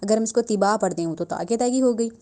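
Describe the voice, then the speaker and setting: A young woman teaching Quran recitation in a slow lesson, patiently repeating each sound and drawing words out. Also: on the high side, dark tone. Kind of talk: slow word-by-word tajweed lesson.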